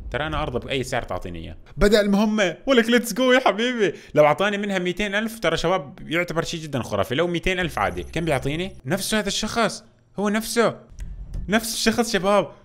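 A young man giving excitable gameplay commentary, talking straight to his viewers. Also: medium pitch, a little hiss or hum. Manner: fast, excitable, talks to viewers as "guys". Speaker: gaming YouTuber.

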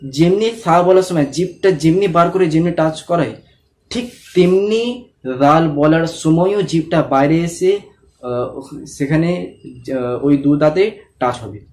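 A man with a slightly high voice who teaches letter pronunciation step by step. He speaks patiently, stretches each letter into a long held sound and keeps checking whether the learners follow. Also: unhurried, pauses often, a little mellow. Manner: asks the viewer to follow along and checks understanding. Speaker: Quran reading teacher. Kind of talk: step-by-step recitation lesson.

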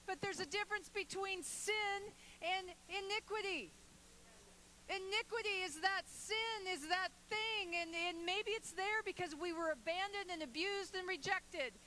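A woman pastor delivers a sermon in a very high, bright voice. Her preaching is emphatic and builds to forceful, declarative calls. Faint noise hums beneath the recording. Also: a little slow, poor audio.

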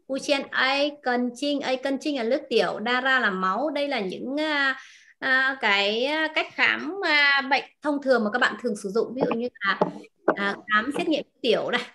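A woman teaching a language class, repeating words slowly and asking her students questions. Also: high voice, lively intonation, pushed and bright. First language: Vietnamese. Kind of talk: explaining vocabulary to a class.

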